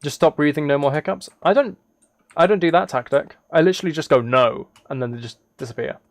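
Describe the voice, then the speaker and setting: A man with a fairly high voice talks fast and casually on a livestream while gaming, rambling, thinking out loud and reading chat. The recording has no echo.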